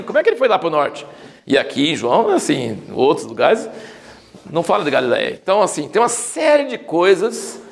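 Man, Bible teacher, informal study talk, very animated pitch, gravelly edge. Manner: lively storytelling, acting out quoted lines.

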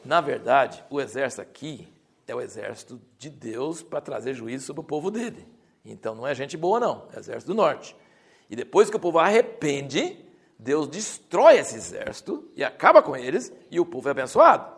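A man's voice: medium pitch, very animated, fairly quick, breathy edge. A man teaching a Bible class in a conversational, explanatory way, often restarting his sentences and rising to emphatic stretches.

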